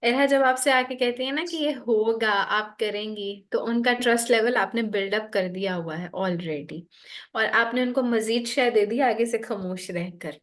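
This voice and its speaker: Woman, fairly high voice, parenting teacher, calm explanatory advice. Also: normal speed. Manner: calm, explanatory, gives practical steps. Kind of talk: advice session.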